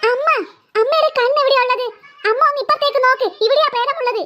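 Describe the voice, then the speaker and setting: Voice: extremely high pitch, steady tone, fast, bright, forceful tone. A panicky stammering cartoon girl. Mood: insistent. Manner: panicky, stammering, cries for mother. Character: frightened young girl, pleading. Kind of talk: cartoon voice acting.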